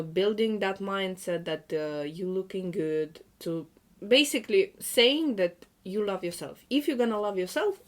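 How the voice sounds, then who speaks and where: A woman hosting a podcast, telling a personal story in casual, full of "literally" and "uh". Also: mid-range voice. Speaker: podcast host.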